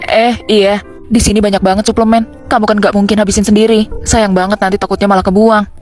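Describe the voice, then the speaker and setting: A woman's voice: mid-range voice, level tone, quick pace, a little mellow, soft background music, natural voice. A woman voicing a fussy, sweet-talking middle-aged mother-in-law and grandmother in a dubbed drama, chatting casually. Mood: coaxing. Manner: chatty, fussing.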